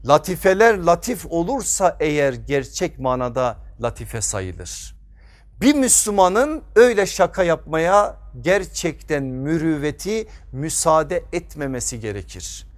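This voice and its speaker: This is a man giving a sermon from behind a pulpit microphone. His voice sits high, and he drives his points home with emphasis. He asks rhetorical questions and then answers them himself. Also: sing-song, a little slow. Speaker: preacher.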